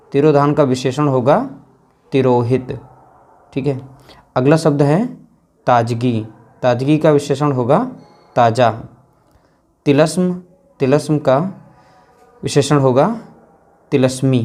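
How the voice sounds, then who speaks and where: A man's voice: mid-range voice, darkish tone. A man teaching Hindi grammar, drilling through word pairs one by one and repeating each answer. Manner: slow, repetitive drilling with frequent "theek hai". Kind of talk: lecture, reading word pairs to students.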